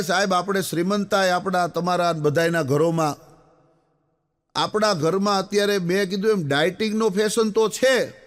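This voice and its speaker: High-voiced Kathiyawadi folk comedian. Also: male voice. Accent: Kathiyawadi Gujarati. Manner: folksy, chatty, addresses the audience directly. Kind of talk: live comic storytelling.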